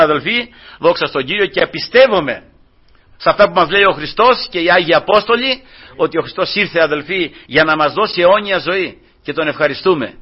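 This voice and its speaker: A man preaching a sermon, fervent and husky, swinging between loud and soft, often calling out to his brothers. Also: high voice, highs cut off. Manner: fervent, rising and falling in loudness, repeating "brothers".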